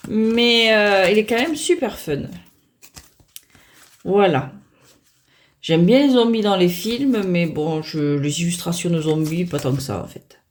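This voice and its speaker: A woman's voice: fairly low pitch, animated, measured pace, pauses often. A woman reviewing a tarot deck in a casual unboxing chat, hesitant and chatty, often stopping to restart and poke fun at herself. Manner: self-mocking.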